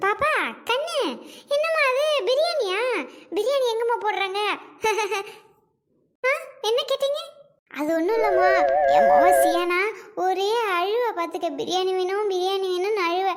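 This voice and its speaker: A woman voicing a brash village mother in a comedy cartoon, yelling at her little daughter and nosily asking around. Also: very high-pitched, very animated, moderate pace. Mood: nosy. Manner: brash, threatening, nosy. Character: loud village mother hunting for biryani with her small daughter.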